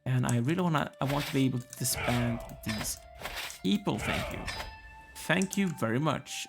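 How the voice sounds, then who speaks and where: Tired man with a gravelly voice. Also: mid-range voice, expressive, moderate pace, music in the background. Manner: musing aloud, chatty asides to the game. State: tired, yawning. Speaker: let's play gamer. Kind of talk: casual strategy game commentary.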